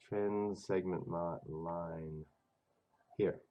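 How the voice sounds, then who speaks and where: A man hosting a trading channel, talking casually over charts in a rough, stuffy voice from a cold, chatty and thinking aloud. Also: low-pitched, steady tone, extremely slow, mellow. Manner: chatty and self-interrupting, talks to himself over charts. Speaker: forex trading channel host. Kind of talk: casual screen-share chart commentary.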